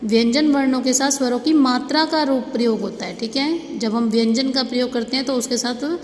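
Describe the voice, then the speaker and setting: A woman's voice: high voice, a little mellow. Woman teacher in an echoey room. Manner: patient, explanatory, slows down on example words. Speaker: school teacher. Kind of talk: Hindi grammar lesson for children. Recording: echoey room with long reverb, faint ambience.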